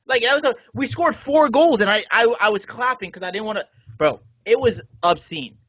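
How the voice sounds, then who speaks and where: A man's voice: sits high, lively intonation, moderate pace, fairly bright tone, no echo, highs cut off. A man co-hosting a casual podcast, venting indignantly and swearing. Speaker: podcast co-host.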